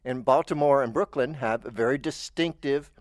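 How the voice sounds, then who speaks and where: A man's voice: medium pitch, moderate pace, dry recording, clean studio sound. An American man chatting casually as a show host, rambling and stammering through restarts. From United States. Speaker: podcast host. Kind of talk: casual chat.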